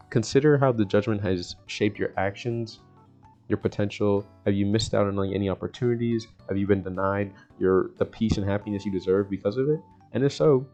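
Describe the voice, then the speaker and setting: With a lowish, dark voice, a young man delivers a casual, slangy motivational chat to his audience, rambling and circling back over his points while frequently chuckling in the middle of sentences. The recording sounds dull and lo-fi, with background music beneath him.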